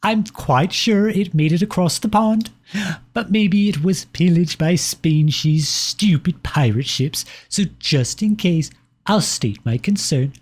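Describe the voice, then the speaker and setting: Pushing his voice up high and speaking slowly, a man plays a personified empire, a possessive, overly sweet suitor, reading letters aloud in an ASMR roleplay. His condescension is sugary, his mood concerned and condescending.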